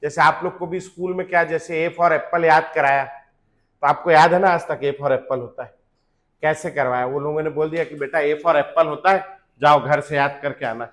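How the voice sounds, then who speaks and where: A man in his thirties teaching chemistry to a classroom in a casual lecture. He asks tag questions over and over and makes the class chant formulas loudly and slowly. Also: fairly high pitch, steady tone. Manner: chatty, rhetorical tag questions, drills formulas by loud slow chanting.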